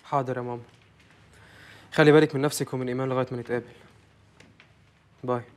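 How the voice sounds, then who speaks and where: A man's voice: mid-range voice, flat delivery, racing, lightly acted. An actor playing a dutiful son talking with his mother, speaking with an Egyptian Arabic accent. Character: dutiful young son on the phone.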